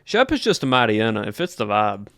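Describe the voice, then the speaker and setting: This livestreamer chats loosely with viewers, musing in a put-on American Southern drawl. His voice sits on the low side, with big pitch swings, a brisk pace, and a somewhat bright quality. The recording is dry and studio quality.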